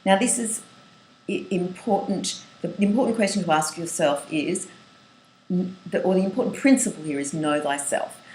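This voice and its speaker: A middle-aged woman coaching writers through an online lesson. She speaks earnestly in a low voice, lists her points one by one and often restarts phrases. The recording sounds roomy, with a faint hiss. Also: normal speed, darkish tone. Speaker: writing coach. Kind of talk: webinar lesson.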